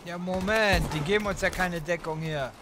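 A man's voice: high-pitched, moderate pace. A man giving casual gaming commentary in short, muttered reactive remarks. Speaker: let's play gamer. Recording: loud game gunfire throughout. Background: shooter game gunfire and vehicle noise.

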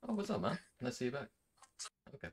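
A man hosting a video, chatting with strangers online in a deadpan, mock-sincere way. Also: mid-range voice, fast talker, creaky, a little hiss or hum. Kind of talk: casual chat, deadpan trolling.

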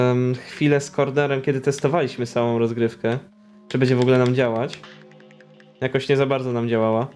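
A man's voice: mid-range voice, darkish tone. Young man in casual gameplay commentary. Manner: casual, stumbling while reading aloud. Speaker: gaming streamer. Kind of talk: let's play commentary. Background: game music.

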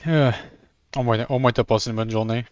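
A man's voice: mid-range voice, fairly even intonation, a little fast, clear, resonant tone, dry recording, dull audio. A man with a Québécois French accent chatting casually on a live stream while drawing, often stammering and restarting, with English words mixed in.

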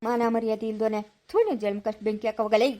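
A woman voicing a stern older village father with a Chikkaballapura Kannada accent, scolding in a low, grumbling voice. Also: flat delivery, very fast, warm tone, natural voice.

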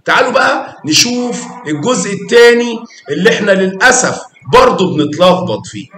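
Lively Egyptian man teaching young kids. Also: high-pitched, a little fast, echoey room. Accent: Egyptian Arabic. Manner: animated and coaxing, praising and quizzing pupils. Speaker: math teacher. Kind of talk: classroom teaching to young children.

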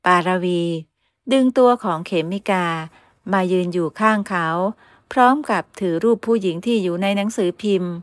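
A woman reading a story aloud as narrator, in a steady, clear voice. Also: medium pitch, moderate pace, no room sound, studio quality. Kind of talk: scripted narration.

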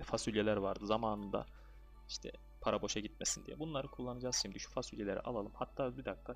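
A young man chatting casually through his online game session, fussing over luck and getting excitable when things go his way. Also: fairly low pitch. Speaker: gaming video creator. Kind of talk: casual gameplay commentary.

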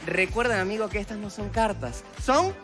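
With a high voice at normal speed, a Venezuelan man in his twenties works through theatrical stage-magic patter as a talent show contestant. He talks straight to the judges through a headset mic, music beneath him in a large TV studio theatre.

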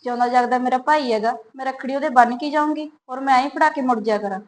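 A woman's voice: high-pitched, quick pace, slight background noise, natural voice. An actress with a Punjabi accent playing a hurt, proud young married woman who complains and pushes back.

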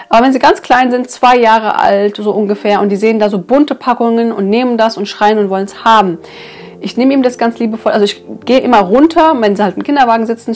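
Woman vlogger, higher voice, casual and earnest, plenty of hesitant fillers. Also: a little mellow. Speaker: parenting vlogger reviewing a book. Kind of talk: casual explanatory talk to viewers.

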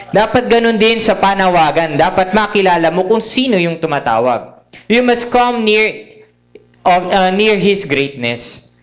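High-voiced Filipino man preaching. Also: lo-fi sound. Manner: switches between English and Tagalog, frequent tag questions. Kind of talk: sermon at a prayer meeting. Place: church hall.

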